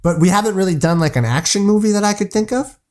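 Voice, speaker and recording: A man's voice: high-pitched, fast, a little mellow. A man co-hosting a casual movie review podcast, opinionated and playful. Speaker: podcast co-host.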